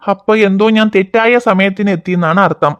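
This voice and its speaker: A woman voicing a gentle cartoon father who reassures his daughter and mock-scolds his son. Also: medium pitch, quick pace, muffled recording, close to an everyday voice. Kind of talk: cartoon voice acting.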